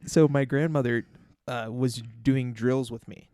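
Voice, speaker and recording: A man's voice: medium pitch, steady tone, unhurried, a little mellow, clear, resonant tone, dry recording. Earnest man, dry studio podcast voice. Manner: earnest, careful explaining with frequent fillers. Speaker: podcast co-host. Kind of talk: casual podcast chat.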